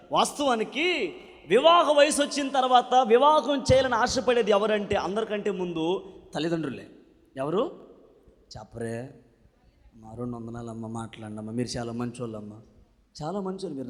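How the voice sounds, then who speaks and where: A man with a high voice preaches a sermon and keeps calling on his congregation to answer back. He swings between loud shouted lines and quiet, joking asides. His voice rings with a long reverb through a church meeting hall. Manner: call-and-response, urging the crowd to repeat and shout back.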